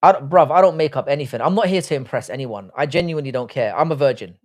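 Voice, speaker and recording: A British livestream host in his early forties chats live at a mid-range pitch, talking fast, casually and bluntly as he answers comments. His humour is crude and jokey, packed with everyday slang.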